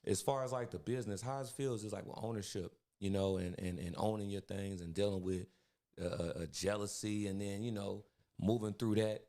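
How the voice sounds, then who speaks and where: A man's voice: on the low side, steady tone, fairly quick, warm tone. A man hosting a casual podcast, hyped and slangy with lots of profanity. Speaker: podcast host.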